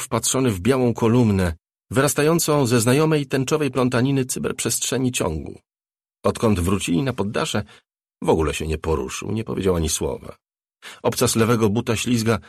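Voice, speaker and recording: A man narrating an audiobook in a measured, steady reading. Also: lowish voice, dry recording, studio quality.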